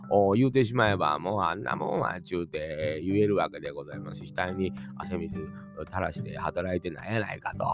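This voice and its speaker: A man with a Kansai accent hosting a solo podcast, musing in a folksy way that mixes formal endings with dialect and long drawn-out fillers. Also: lowish voice, vocal fry. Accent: Kansai Japanese. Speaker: podcast host. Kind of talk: rambling solo podcast monologue.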